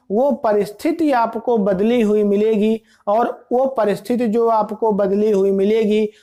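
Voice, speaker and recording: Woman teacher, exam-prep grammar lesson, fairly high voice, explanatory, addresses students as friends. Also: mellow.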